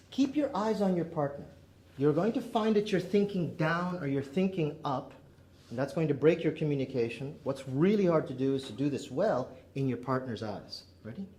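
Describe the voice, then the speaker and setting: In an indoor classroom, a man who moved to Canada at age nine teaches English, leading drills with emphatic directions and barked short commands. His voice is fairly high and mellow, picked up by a distant mic in a roomy space with faint noise.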